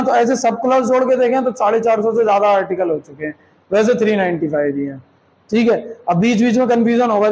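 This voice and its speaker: A man's voice: sits high, darkish tone, low-quality recording. A man teaching a classroom lecture, explaining step by step and checking with students through rhetorical questions, mixing Hindi with English terms.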